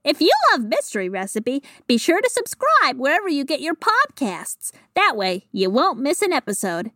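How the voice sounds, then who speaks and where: A woman's voice: high voice, sing-song, moderate pace, pushed and bright, no room sound, exaggerated voice. A woman playing a cheerful, teasing cohost character on a children's cooking podcast, recorded close in a studio. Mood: upbeat. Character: bright, upbeat female cohost of a kids' cooking show. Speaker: co-host character. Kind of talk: scripted children's podcast acting.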